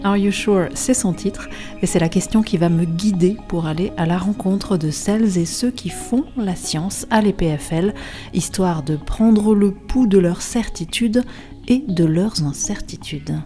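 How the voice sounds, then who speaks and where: A woman journalist hosting a podcast, delivering a scripted intro and asking measured, poised questions. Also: medium pitch, warm tone, soft background music.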